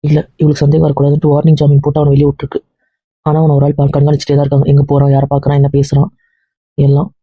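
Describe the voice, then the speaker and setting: Man playing a calm young man, husky, fast, reassuring, dry lo-fi recording. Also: fairly high pitch, no echo. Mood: explaining. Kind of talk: Tamil family drama dialogue.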